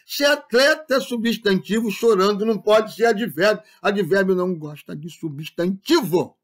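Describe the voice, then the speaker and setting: Guy teaching grammar, fairly high voice, keeps asking if u got it. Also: normal speed. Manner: explains with frequent rhetorical check-ins and repetition. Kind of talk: classroom-style lecture.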